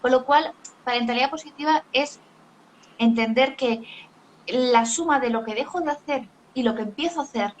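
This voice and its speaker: A woman's voice: high voice, moderate pace, a little hiss or hum. A middle-aged woman, a parenting author explaining ideas in a live video chat, with everyday examples. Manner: didactic, uses examples and acted quotes. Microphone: video call.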